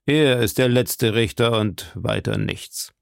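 A man reading aloud and voicing a grim executioner who speaks slowly and gravely. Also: medium pitch, no echo, studio quality. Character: grim male executioner, dutiful and implacable.

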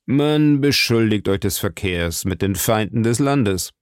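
A man voicing a powerful, scheming old cardinal who speaks slowly and probingly. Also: on the low side, expressive, clear, resonant tone, no room sound, clean studio sound. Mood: stern. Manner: slow, measured, probing.

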